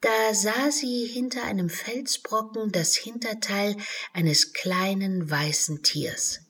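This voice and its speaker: A woman reading a children's storybook aloud, slow and measured, dropping to whispers at times. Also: medium pitch, a bit bright, slightly rough. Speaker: narrator.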